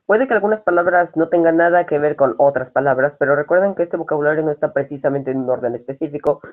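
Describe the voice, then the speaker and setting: A man teaching a live-streamed language lesson, repeating each word and spelling it out letter by letter. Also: fairly high pitch. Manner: slow, spells words out letter by letter. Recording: tinny phone-like sound.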